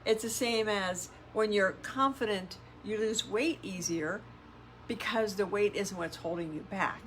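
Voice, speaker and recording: A woman's voice: medium pitch, measured pace, a bit bright, slight background noise. A middle-aged woman giving a conversational motivational talk in the manner of a self-help influencer, emphatic, repeating phrases and posing rhetorical questions. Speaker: self-help podcast host and coach.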